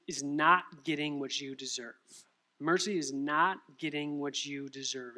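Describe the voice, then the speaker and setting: A young man preaches a sermon, his voice bright and forceful, sitting a little higher than most men's. He tells stories and throws rhetorical questions at the congregation with lively energy. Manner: animated storytelling with rhetorical questions. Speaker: pastor.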